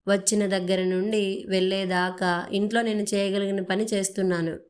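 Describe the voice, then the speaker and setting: A proud young working wife who stands her ground and talks with indignation, as a woman narrator reads her. This is a storybook reading at a middling pitch. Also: level tone, normal speed, darkish tone, lightly acted. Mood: angry. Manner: heated, indignant delivery.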